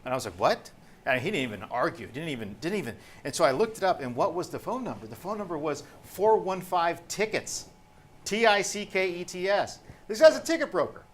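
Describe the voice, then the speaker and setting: A man's voice: on the high side, a little fast, a little hiss or hum. A man hosting a panel, casually telling a long anecdote and acting out the dialogue of the people in it. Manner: animated, acts out quoted dialogue.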